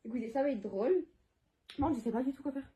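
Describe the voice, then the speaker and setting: A teenage girl talks straight to her camera in a chatty, excitable way, quick to laugh. Her voice sits fairly high. The tone is loose and casual, like a home vlog. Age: teens. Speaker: vlogger. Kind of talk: casual prank-call vlog.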